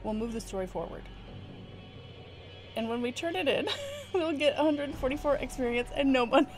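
A woman co-hosts a couch co-op game playthrough, laughing often and explaining the quests in detail in casual gameplay chat. Her voice is high and animated at a moderate pace, with game music playing behind her.

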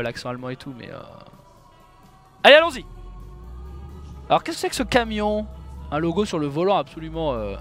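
With a high, bright voice and a forceful delivery, a man streaming video games offers easygoing commentary on his play. He exclaims whenever he messes up and makes self-deprecating jokes to the people watching.

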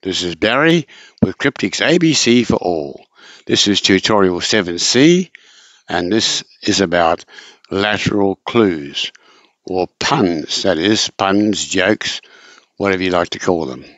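A man's voice: low-pitched, lively intonation, fairly bright tone, no echo. A man tutoring in a casual spoken lesson, patient and repetitive, often circling back over points in a dull, lo-fi recording. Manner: patient, repetitive, drawn-out explaining.

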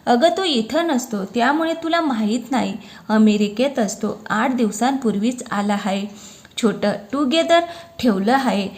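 A woman reading as a cheeky young husband who teases his friend and his wife with mock complaints. The storybook voice stays close to her own fairly high, light tone and keeps a joking, lively manner throughout. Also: a little slow, lightly acted. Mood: reassuring. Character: teasing playful young husband.

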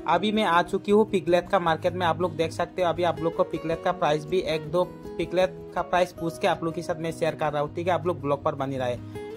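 Young man, vlogger, high pitch, chatty, outdoor market, phone mic, background music. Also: fairly even intonation, brisk. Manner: chatty, addresses viewers as guys, asks prices. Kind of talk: casual market vlog narration.

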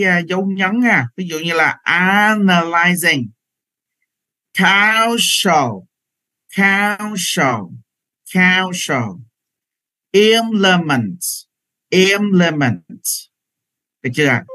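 Man, pronunciation teacher, high voice, patient word-by-word drilling, online class mic. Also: bright, forceful tone, low-quality recording. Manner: repeats words slowly for learners, patient and corrective.

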